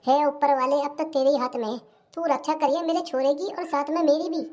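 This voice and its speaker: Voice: high-pitched, steady tone, brisk, a little mellow, lightly acted. A voice actor playing a suspicious, fearful old village mother-in-law in a comedy cartoon, speaking with a rural Hindi accent. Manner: suspicious, fretful, muttering asides.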